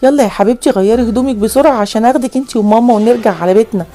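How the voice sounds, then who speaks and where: Casting: woman reading as a firm Egyptian dad, brisk and dark-toned. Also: a little high, soft background music, natural voice. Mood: relieved. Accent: Egyptian Arabic. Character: worried, stern middle-aged father, head of family.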